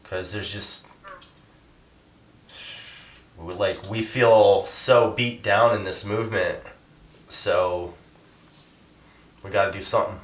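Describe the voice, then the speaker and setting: Low-voiced man, halting and emotional. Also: steady tone, reverberant, recorded from a distance. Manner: halting, many fillers, voice rising when upset. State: choked up. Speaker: interviewee, animal rights activist. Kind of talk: emotional interview.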